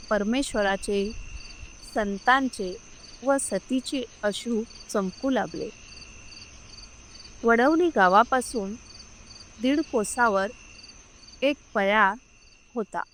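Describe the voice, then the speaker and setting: A woman reads a story aloud in a slow, measured and solemn way. Her voice sits fairly high, and each phrase comes unhurried. Faint crickets and insects chirp in the background. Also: a bit bright, slight background noise. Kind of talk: scripted narration of a Marathi story.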